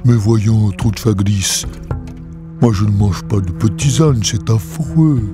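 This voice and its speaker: A man voicing a gentle, naive male donkey who talks slowly and earnestly in a storybook reading. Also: lowish voice. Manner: slow, soft, earnest, turns frantic. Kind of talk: storybook character voice. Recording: close dry voice with soft music.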